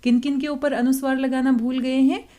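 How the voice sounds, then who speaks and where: A woman teaching a Hindi worksheet lesson to children, reading words slowly and carefully, asking questions and answering them herself. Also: high voice, flat delivery, mellow. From India. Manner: slow, careful reading aloud of words and passages; addresses pupils kindly, asking and answering own questions.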